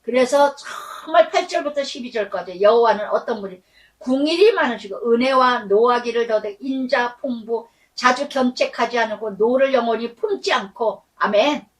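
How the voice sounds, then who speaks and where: A middle-aged woman pastor preaching a sermon, telling stories in a lively way and acting out the voices she quotes, stretching words for emphasis. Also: on the high side, moderate pace, recorded from a distance, rough recording.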